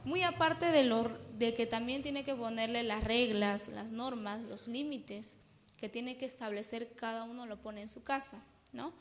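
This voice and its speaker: Peruvian lady psychologist giving a church parenting talk, kinda high voice, long echo on it. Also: steady tone, a little slow. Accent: Peruvian Spanish. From Peru. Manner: explanatory, keeps checking in with "¿no?". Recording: long reverb.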